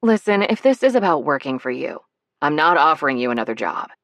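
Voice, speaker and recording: A narrator plays a flustered woman who hides behind sardonic jokes. Her tone is exasperated and mock-stern. The voice sits low and close in a dry, dead room. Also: sing-song, fairly quick, fairly bright tone, no echo, exaggerated voice. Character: flustered wry adult woman, dry wit.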